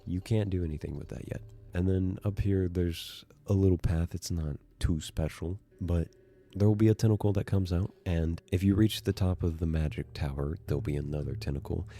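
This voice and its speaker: Low, mellow-voiced man raving about games. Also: moderate pace. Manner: excitable, swears freely. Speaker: video essay narrator. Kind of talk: casual enthusiastic commentary.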